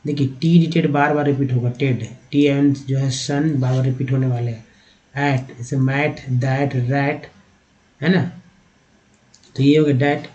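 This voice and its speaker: Speaking to viewers directly and repeating "dekhiye," an Indian-accented man breaks English words into letters and sounds in an online lesson, spelling and sounding them out slowly. He has a steady, dark, medium-pitched voice, and the highs are cut off.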